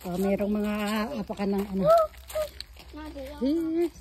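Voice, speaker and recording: A woman's voice: fairly high pitch, normal speed, dark tone, slight background noise. A woman filming a casual walking vlog outdoors on her phone, chatting to her viewers and calling her dog in a sing-song voice, sometimes out of breath. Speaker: vlogger. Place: outdoor garden and dog run on a hillside.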